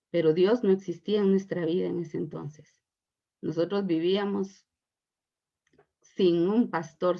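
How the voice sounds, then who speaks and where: A woman's voice: fairly low pitch, highs cut off. A woman in her forties giving an earnest, emotional faith testimony to her church congregation. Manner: earnest and emotional, addressing listeners as brothers and sisters.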